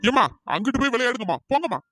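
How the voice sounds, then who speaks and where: Grumpy elderly village man in a cartoon, slow and gruff, a woman doing the voice. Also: fairly high pitch, animated, a bit bright. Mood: grumbling. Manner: gruff, shooing people away.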